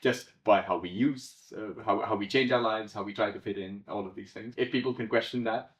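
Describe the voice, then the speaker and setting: A man, a playwright, talking in an interview in a thoughtful, halting way, often restarting and laughing softly. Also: on the low side. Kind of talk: conversational interview. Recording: roomy echo.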